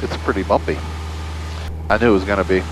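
A man's voice: low voice, fairly even intonation, fast. A young man, a student pilot, speaking casually and a bit hesitantly over a pilot headset intercom. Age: young adult. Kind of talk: casual chat and radio calls. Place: small propeller plane cockpit in flight. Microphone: aviation headset boom mic. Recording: headset intercom with clear engine noise.

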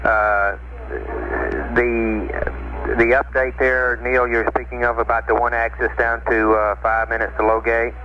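A man's voice: mid-range voice, little pitch movement, unhurried. A man working as a mission-control communicator, speaking matter-of-fact procedural radio talk over a transmission. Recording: noisy, narrow-band archival space radio link. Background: loud radio static and noise.

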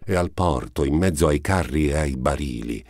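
A man reading a classic novel aloud as an audiobook narrator, in a steady, measured way. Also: a bass voice, dry recording, studio quality.

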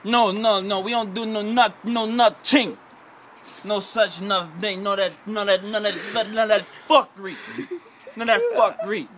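Man putting on a loud Jamaican voice. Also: sits high, fairly even intonation, normal speed, a little hiss or hum, pitched above the performer's own voice. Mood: joking. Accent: put-on Jamaican. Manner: loud, joking, repetitive. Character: laid-back Jamaican man, mock-boastful.

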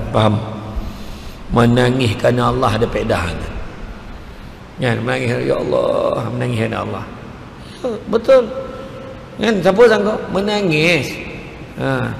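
A man's voice: mid-range voice, vocal fry. A male preacher with a Malaysian Malay accent giving a dramatic, storytelling religious lecture. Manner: dramatic storytelling, rising to near-shouts. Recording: echoey hall with faint noise.

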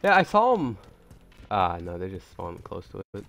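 A man giving casual, excitable commentary while playing a shooter game, swearing and thinking aloud. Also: sits low, moderate pace, gravelly, highs cut off, a little hiss or hum. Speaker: gamer.

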